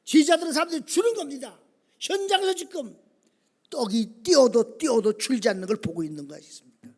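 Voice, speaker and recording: Korean pastor guy preaching, really high voice, goes soft then yells, keeps asking the church stuff. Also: lively intonation, a little fast. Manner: swings from quiet talk to shouted calls, asks the congregation questions. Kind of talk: sermon. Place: church sanctuary.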